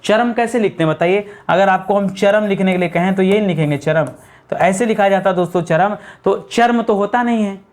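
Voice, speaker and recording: Male tutor, exam-prep lecture, call-and-response drilling, slow letter-by-letter spelling. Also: high voice, a little mellow. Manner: drills students with repeated questions and answers; slows down to spell words out letter by letter. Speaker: Hindi grammar teacher.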